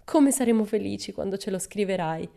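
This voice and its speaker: A woman's voice: mid-range voice, lively intonation, a little fast, creaky, dark tone, pitched above the performer's own voice. A woman voicing an earnest, somewhat anxious young boy in a storybook reading.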